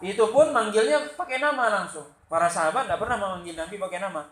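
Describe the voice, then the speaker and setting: A man from Sumatra with a Sumatran Indonesian accent, giving a loud, lively religious lecture and acting out the quotes in his stories. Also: high-pitched, fast talker. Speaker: religious teacher. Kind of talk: study-circle lecture. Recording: echoey room with faint background noise.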